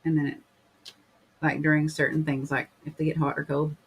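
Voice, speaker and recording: A man hosting a casual podcast, talking in a rambling way full of fillers and clearing his throat now and then. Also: a little high, monotone, a little fast, poor audio. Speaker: podcast host. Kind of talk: casual chat, reading viewer comments.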